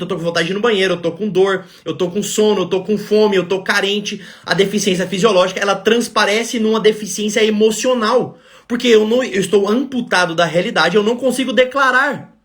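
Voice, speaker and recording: Fast-talking Brazilian man, high voice. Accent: Brazilian Portuguese. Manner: animated storytelling, acts out dialogue. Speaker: therapist. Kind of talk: casual explanatory talk.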